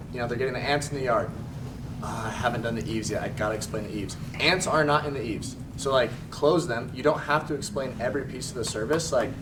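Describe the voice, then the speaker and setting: A man speaking casually at a training session, his talk full of "like". He sounds far from the mic, with clear background noise in the room. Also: mid-range voice. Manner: casual, many fillers like "like". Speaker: sales trainer.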